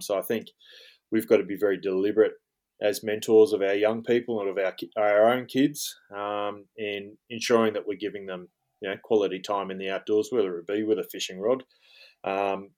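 Speaking a little fast with a darkish, low voice that barely moves in pitch, this fly fishing guide in his forties has an Australian accent. He's a guest in a laid-back interview, rambling easily and leaning heavily on fillers like "um" and "you know."

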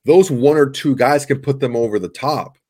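A man's voice: medium pitch, normal speed, darkish tone. A man co-hosting a podcast, talking sports in a rambling, casual way with lots of restarts and the odd curse word. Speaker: podcast co-host.

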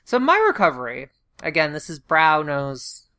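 A woman chatting casually in a halting, self-deprecating way, her speech slightly impeded as if her mouth is sore after surgery. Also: low voice, big pitch swings, bright, forceful tone, dry recording. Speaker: vlogger recounting surgery recovery. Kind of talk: casual chat, personal video diary.

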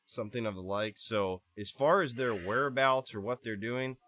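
A man's voice: mid-range voice, normal speed, a bit bright. A man playing his character in a tabletop game podcast, rambling and hesitant in a comic way. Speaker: player.

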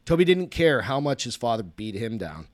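A man's voice: medium pitch, sing-song, moderate pace, no room sound. A man, host of a podcast, reading a story aloud in a casual way, often stopping to correct himself.

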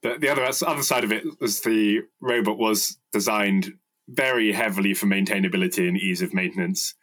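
A man's voice: fairly low pitch, brisk, a bit bright. A man on a robot-fighting team, explaining technical points matter-of-factly in casual podcast chat. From United Kingdom.

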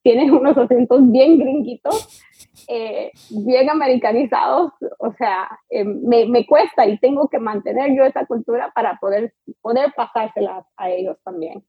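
A middle-aged woman, a native English speaker, talks as an interview guest in a chatty way. She restarts often and fills pauses with little sounds. Her voice is a bit high and husky, and the recording is dry and muffled. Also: no room sound. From United States. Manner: chatty and warm, with many fillers and restarts. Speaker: guest, immigration lawyer. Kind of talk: conversational interview.

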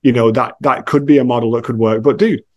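A man's voice: mid-range voice, steady tone, fast. A man talking as a guest on a podcast, blunt and emphatic, with a slangy casual manner and lots of "like" and "you know". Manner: frequent filler "like" and "you know".

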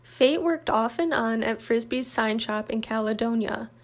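A woman with a slightly higher voice reads a scripted case update. Her delivery stays even and matter-of-fact from line to line. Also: a little slow. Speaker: true crime narrator. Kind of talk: scripted narration.

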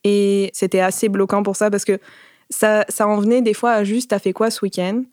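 A woman's voice: medium pitch, little pitch movement, normal speed, a little mellow, no echo, clean studio sound. Chatty woman telling her story. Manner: chatty and informal, full of fillers and slangy asides. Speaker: interviewee. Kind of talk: casual personal testimony.

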